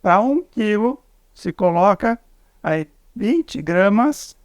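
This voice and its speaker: A man with a southern Brazilian accent, explaining a recipe step by step as a cook in a cooking demonstration, with halting restarts. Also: sits high, expressive, no echo, clean studio sound. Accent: southern Brazilian Portuguese.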